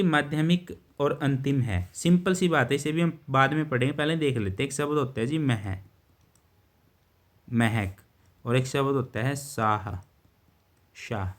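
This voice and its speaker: Male teacher, patient, step-by-step, mid-pitched. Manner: patient, repeats words and checks with "theek hai". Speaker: steno teacher. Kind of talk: explaining a lesson while writing.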